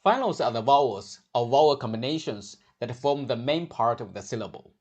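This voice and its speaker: A male teacher walks learners through Mandarin sounds in a calm, scripted lesson. His voice sits at an ordinary middle pitch. He models each syllable slowly and deliberately so it can be copied.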